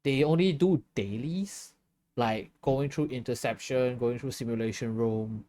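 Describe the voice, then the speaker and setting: A man's voice: mid-range voice, a little slow, warm tone. Tired, chatty male game streamer. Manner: chatty, laughs often, reads chat aloud. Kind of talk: casual chat while gaming.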